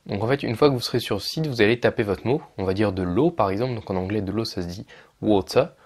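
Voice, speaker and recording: Young man, fairly low voice, relaxed online tutor, talks step by step with restarts. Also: fast talker. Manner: explains step by step with frequent fillers and restarts. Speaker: English teacher for French speakers. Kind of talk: casual video lesson.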